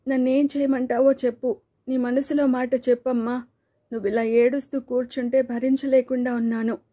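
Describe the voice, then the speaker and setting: A woman voicing a caring young daughter who pleads softly and affectionately with her mother. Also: high-pitched, flat delivery, moderate pace, voice pushed up. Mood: pleading.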